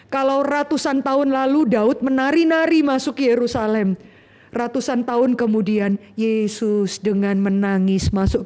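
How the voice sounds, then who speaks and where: High-voiced woman preaching an animated sermon. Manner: animated storytelling, acting out biblical characters in quick asides. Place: church service.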